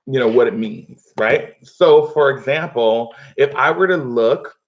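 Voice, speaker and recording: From his living room, a schoolteacher runs a live online reading lesson, speaking instructively and frequently checking in with his pupils. His voice is medium-pitched and his pace measured. The livestream audio sounds dull and lo-fi.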